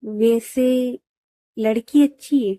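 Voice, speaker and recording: A young woman friend who ribs her pal with playful mockery, as a female storyteller puts her on. Her lines come out higher and noticeably louder than the narration. The tone stays mellow and dry. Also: fairly even intonation, takes it slowly, no echo. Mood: teasing. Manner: playfully mocking.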